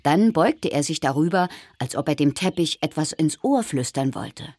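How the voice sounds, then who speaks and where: A woman narrating a children's storybook in a calm, gentle way. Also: deep voice, normal speed, dry recording. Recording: faint music behind.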